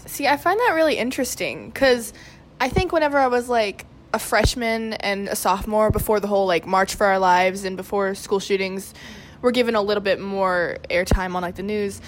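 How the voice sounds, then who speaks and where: Speaking briskly at medium pitch over a faint hiss or hum, the young woman, a student cast member and podcast guest in her late teens, stays casual and earnest while leaning heavily on "like."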